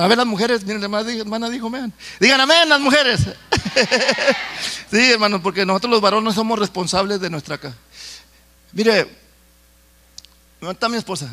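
A man's voice: high-pitched, vocal fry, pushed and bright. A middle-aged man preaching a sermon, talking to the congregation in a conversational way with stories and jokes.

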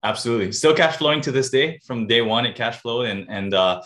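A man's voice: medium pitch, expressive, fairly quick, a bit bright. A man in his forties from Hawaii, a podcast guest talking about himself in an upbeat, enthusiastic way. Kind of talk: casual interview chat.

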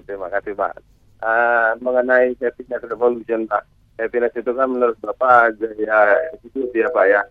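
A man calling in to a radio show on a phone line that breaks up, asking his question hesitantly with many pauses and fillers. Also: mid-range voice, steady tone, a crowd in the background. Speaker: radio call-in listener. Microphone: telephone. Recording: tinny phone line, dry.

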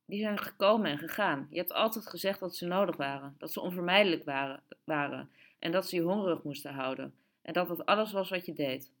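A woman's voice: lowish voice, a little fast, close to an everyday voice. A woman voicing an earnest, proud boy who questions insistently. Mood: indignant. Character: Tito, earnest upset boy, indignant and proud.

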